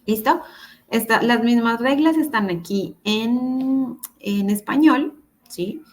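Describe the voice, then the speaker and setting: A woman's voice: fairly high pitch, slow pace. Lady teacher on a video call, patient, keeps checking everyone's following. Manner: patient, repeats examples, checks in with "¿listo?". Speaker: English teacher. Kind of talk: online class explanation. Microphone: computer mic on a video call.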